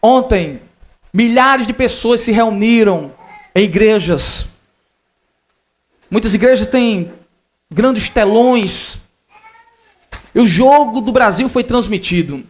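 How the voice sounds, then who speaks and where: A man preaching a sermon in church, emotional and direct, often calling listeners brother and rising loud on appeals. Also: sits high, animated, slow pace, long pauses. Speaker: pastor.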